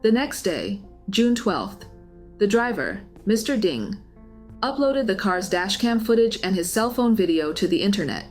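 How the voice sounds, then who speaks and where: A woman's voice: mid-range voice, very animated, unhurried, darkish tone. Scripted female narrator over music.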